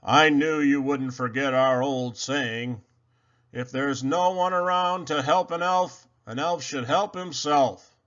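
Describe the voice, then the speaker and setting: A man's voice: medium pitch, takes it slowly, a bit bright, highs cut off, pitched above the performer's own voice. A man voicing a proud, fatherly old Santa figure in a storybook, with a hearty delivery.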